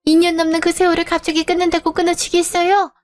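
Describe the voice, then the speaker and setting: A woman's voice: very high-pitched, completely flat delivery, fast. A woman voicing a scheming, pushy middle-aged mother-in-law in a narrated story drama, with faint music behind. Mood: fawning. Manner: pushy, then groveling.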